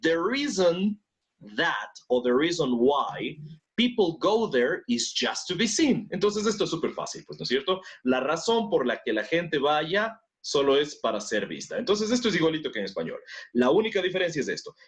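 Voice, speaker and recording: A man teaching an online English class, his voice rising and falling in a lively way. He explains words in with English examples and keeps asking whether the students follow. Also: fairly high pitch, normal speed. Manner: explains in Spanish and English, checks in with "¿no es cierto?".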